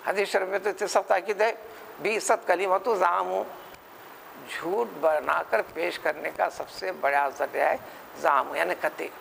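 A Hyderabadi-accented man delivers a religious lecture in a high voice with a gravelly edge. He drives his points home with rhetorical questions and quick mimicry of others. A faint hiss of room ambience sits behind him. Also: steady tone, fairly bright tone, rough recording. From India. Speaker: Quran scholar.

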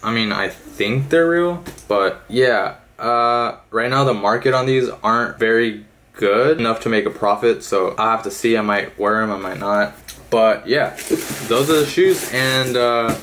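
A man's voice: mid-range voice, measured pace, a bit bright, low-quality recording. A young man, chatting casually for his vlog with many fillers, from a parked car and a gym. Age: young adult. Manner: laid-back, rambling with many fillers. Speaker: vlogger.

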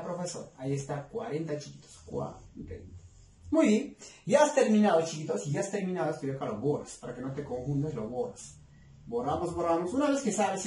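A man teaching arithmetic to children, coaxing them with many quick questions. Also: fairly high pitch, a little mellow, distant mic, slight background noise. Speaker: math teacher. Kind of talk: explaining a lesson to children. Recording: echoey room, voice away from mic.

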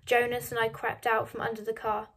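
A woman's voice: on the high side, monotone, brisk, a bit bright. Woman reading a novel aloud. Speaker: reader of a novel.

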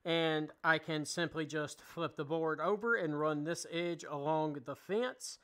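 A man in his thirties talks through a woodworking tutorial in a casual, plainspoken way, with a slightly raised pitch for his sex. He explains each step as he goes, from inside his home workshop. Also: unhurried, fairly bright tone, clear, resonant tone. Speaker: woodworking channel host. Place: home woodworking shop, indoors.

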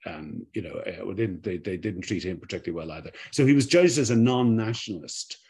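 Low-voiced and fairly quick, with lively intonation and a darkish tone, a middle-aged documentary director from Ireland answers on a webcam video call. He's in a home room with bookshelves. He replies reflectively, repeating words as he hunts for them.

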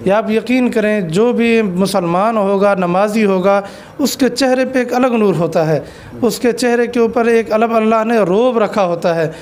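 A man's voice: high-pitched, a little slow, darkish tone. A man who is an Islamic cleric, answering an interview question with an earnest, exhortative sermon and stories.

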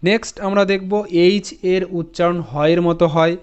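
A man with a slightly high, smooth, resonant voice leads a phonics lesson. He spells each word letter by letter, repeats it slowly, and checks in with his students. The recording sounds a little dull and muffled. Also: flat delivery, a little mellow. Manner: addresses students directly with "ঠিক আছে?". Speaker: English teacher.

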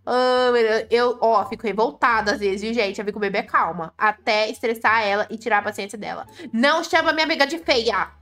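Young Brazilian woman, high voice, excitable teasing gameplay commentary over soft music. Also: a little fast, hardly any pauses. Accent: Brazilian Portuguese. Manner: excitable, laughing often, chatty and teasing. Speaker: gaming video host.

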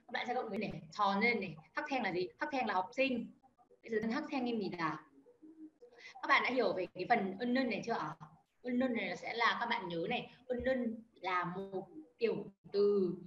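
A woman's voice: mid-range voice, fairly bright tone. A woman teaching a beginner language class online over a video call, explaining step by step and calling on students by name. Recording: echoey, dull lo-fi audio with faint noise.

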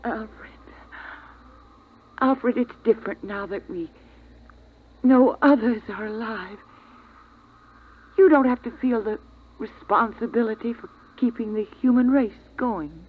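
A husky, gentle radio mother. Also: fairly high pitch, takes it slowly, long pauses. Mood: tender, reassuring. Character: gentle, reassuring mother of a survivor family. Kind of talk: 1950s radio drama acting. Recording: tinny 1950s radio recording.

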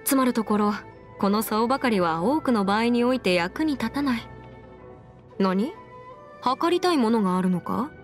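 A woman with a somewhat high, lively voice speaks at a moderate pace, fairly close to how she'd normally talk. She's playing a sharp, self-assured young female legal advisor in a Japanese anime game, explaining things articulately with a touch of boastful, playful pride. Music plays behind her.

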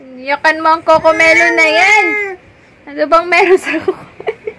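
A woman's voice: very high voice, moderate pace, noisy background. A woman who is a mother and vlogger, filming at home and chatting casually to her viewers between bursts of playful baby talk. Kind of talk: casual home vlog, talking to camera and baby.

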